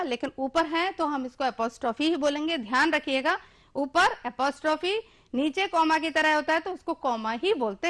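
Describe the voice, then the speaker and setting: A woman's voice: high-pitched, a bit bright. A woman with an Indian accent teaching an English lesson, explaining in Hindi, calling her pupils children and drilling words for them to repeat. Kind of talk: classroom-style lesson.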